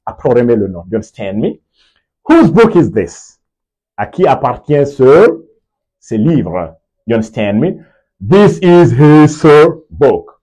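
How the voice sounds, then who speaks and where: Husky-voiced man teaching English pronouns. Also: mid-range voice, very animated, darkish tone, rough recording. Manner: slow drilled repetition, frequent check-ins. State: sweaty, just came from the sports field. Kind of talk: video lesson, explaining in French with English examples.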